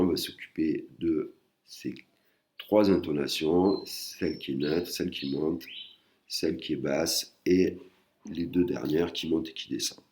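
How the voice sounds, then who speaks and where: Very deep-voiced man teaching. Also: darkish tone. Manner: patient, repeats and rephrases himself. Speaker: Thai teacher. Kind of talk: explanatory online lesson.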